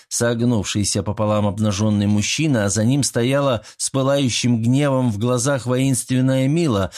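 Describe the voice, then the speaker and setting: Brief: male audiobook narrator, steady and even. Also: lowish voice. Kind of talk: scripted narration.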